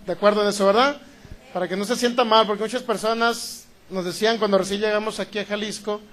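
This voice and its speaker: A man from Sinaloa with a northern Mexican accent preaching a sermon, loud and emphatic, repeating key phrases and often asking the congregation whether they understand. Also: sits high. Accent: Sinaloan Mexican Spanish.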